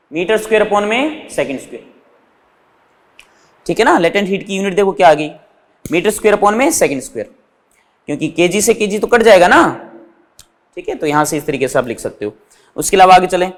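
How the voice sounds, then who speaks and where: Man, physics teacher, high voice, reverberant classroom sound. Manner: explaining step by step, often asking and answering his own questions; calls his students "beta". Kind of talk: whiteboard physics lesson.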